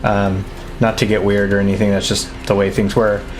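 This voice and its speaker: A man's voice: lowish voice, level tone, moderate pace. A man co-hosting a casual stream chat, hesitant and restarting his sentences. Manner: hesitant, many ums and restarts. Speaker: stream co-host.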